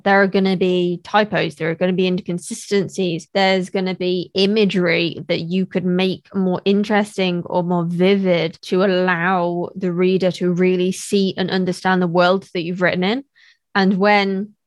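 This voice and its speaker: A woman's voice: on the low side, no room sound. A young woman hosting a podcast, talking conversationally and with emphasis. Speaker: podcast host.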